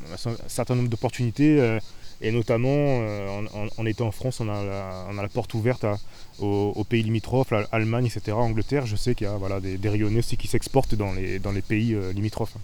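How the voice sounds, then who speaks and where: A man's voice: on the low side, dark tone, slight background noise. A man giving personal testimony, hesitant and searching for words. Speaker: interviewee.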